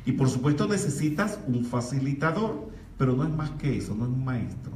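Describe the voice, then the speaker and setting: A man's voice: mid-range voice, lively intonation, brisk, darkish tone. A middle-aged man giving a spiritual lecture to an audience, with the projected voice of a former opera singer and an emphatic delivery. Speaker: metaphysics lecturer. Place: lecture hall in Mexico. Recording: echoey hall, far from mic, faint hiss.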